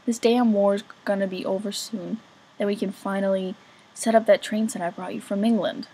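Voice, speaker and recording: A woman voicing a hearty, jovial navy captain father with a booming manner. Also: steady tone, moderate pace, mellow, breathy edge, rough recording. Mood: apologetic.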